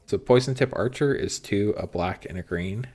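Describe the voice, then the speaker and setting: A man's voice: fairly low pitch, normal speed, a little mellow, faint music behind. A man streaming live from his card shop, casually reading card text aloud and chatting with viewers, with frequent ums. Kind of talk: casual livestream commentary on cards. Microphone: phone and computer stream setup.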